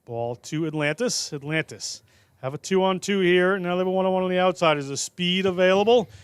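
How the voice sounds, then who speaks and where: A man calling live rugby play-by-play in a brisk, jokey way. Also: sits high, smooth, dry recording. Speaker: play-by-play commentator.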